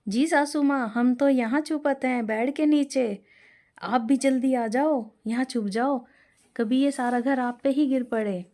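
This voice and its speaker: A woman's voice: fairly high pitch, measured pace, lightly acted. A woman doing a jumpy rustic village bride. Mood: panicked. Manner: loud, excitable exclamations. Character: naive rustic young village daughter-in-law, easily frightened.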